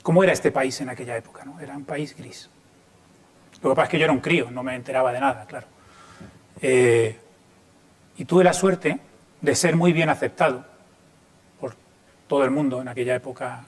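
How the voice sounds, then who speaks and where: A man in his fifties, from Chile, giving an informal talk to students, pausing often with fillers and restarts. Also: mid-range voice. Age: 50s. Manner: hesitant, many fillers and restarts. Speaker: lighting designer giving a talk.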